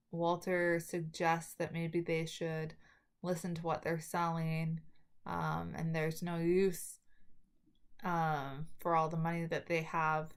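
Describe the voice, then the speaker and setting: A woman talking with new dental braces, giving a halting spoken summary as a student presenter, often correcting herself. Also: on the low side. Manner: halting, with self-corrections and trailing restarts. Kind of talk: spoken film summary for a class video.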